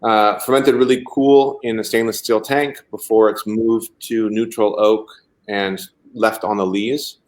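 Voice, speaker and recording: A man's voice: fairly low pitch, fairly even intonation, measured pace, a little mellow. A winemaker on a video call, explaining his methods in a detailed, easygoing way and telling stories. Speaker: winemaker guest.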